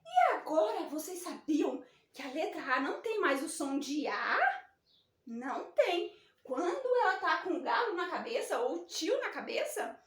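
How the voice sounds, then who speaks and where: A woman teacher, telling a story to young children in an animated, sing-song reading lesson. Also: extremely high pitch, a little slow. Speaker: primary school teacher. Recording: echoey room, distant mic.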